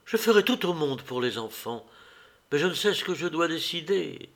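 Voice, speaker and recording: A man reading a classic novel aloud, voicing a wounded, furious wife in sharp, bitter outbursts. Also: a little high, lively intonation, unhurried, pitched above the performer's own voice. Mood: bitter, angry.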